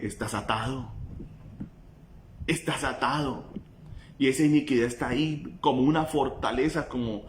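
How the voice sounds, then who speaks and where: A male pastor, preaching a sermon with impassioned swings between loud cries and low intensity. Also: roomy sound, a little hiss or hum.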